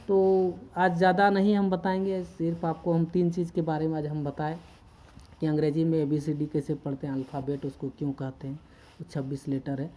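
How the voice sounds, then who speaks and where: A man's voice: high voice, dark tone, a little hiss or hum, low-quality recording. Earnest male English teacher. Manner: earnest, repetitive, drills words aloud for pupils to repeat. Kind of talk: spoken English lesson over a screen recording. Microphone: screen-recorder phone mic.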